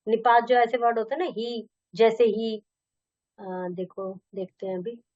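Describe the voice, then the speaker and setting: A woman's voice: fairly high pitch, steady tone, unhurried, no room sound. A young woman teaching a Hindi lesson, reading textbook lines and explaining them in casual Hindi with some English. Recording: dull dry lo-fi recording.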